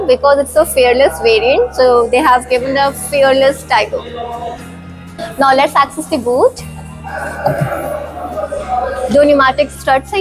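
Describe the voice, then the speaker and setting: A woman with an Indian accent and a high-sitting voice narrates a walk-around car review, explaining each feature in turn. She mixes Hindi with English phrases, and the recording is rough.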